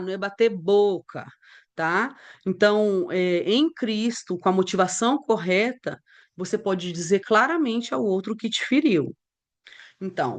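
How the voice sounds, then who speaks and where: Woman teaching bible stuff, chatty and lively, acts out conversations. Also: medium pitch. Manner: conversational, animated storytelling with acted dialogue.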